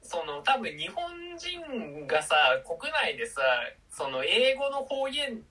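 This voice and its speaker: Podcast cohost, bright kinda husky voice, trails off a lot, sounds a bit far from the mic. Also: medium pitch, very animated, takes it slowly. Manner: hesitant, trails off, frequent fillers. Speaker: podcast co-host. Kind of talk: casual chat.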